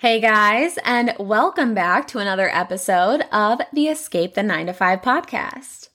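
A woman's voice: medium pitch, expressive, measured pace, fairly bright tone. A young woman hosting her own podcast, chatting in a casual, upbeat way with lots of "you know" fillers. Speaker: podcast host.

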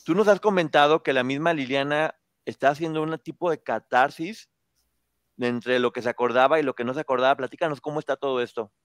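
A man hosting a talk show, speaking in an earnest, measured way. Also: medium pitch, smooth, no room sound, studio quality. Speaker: host.

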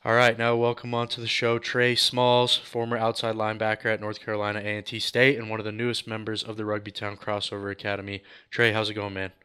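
Male interview host, quick and smooth, low-ish voice. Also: monotone, pushed and bright. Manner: friendly, asks questions. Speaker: podcast host. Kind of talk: casual interview.

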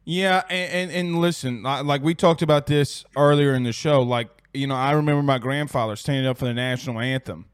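A man's voice: medium pitch, fairly quick, few pauses, smooth, dry recording, studio quality. A man hosting a casual sports podcast, rambling and blunt, swearing casually. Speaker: host.

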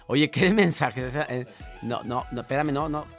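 A man hosting a call-in radio show, teasing callers with quick, joking interjections. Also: medium pitch, a bit bright, soft background music.

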